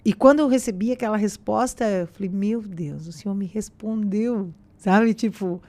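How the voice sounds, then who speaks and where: A woman, a podcast guest sharing a personal faith testimony in a casual, animated way, acting out the dialogue she retells. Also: mid-range voice, normal speed. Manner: animated storyteller who acts out quoted dialogue.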